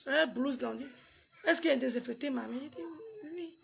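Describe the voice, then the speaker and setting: A woman with a high voice and a gravelly, fry-laden edge recounts a painful family story. She speaks haltingly, repeats herself and acts out the dialogue of the people involved. Her delivery is raw, personal storytelling. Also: a bit bright. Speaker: grieving mother recounting a loss.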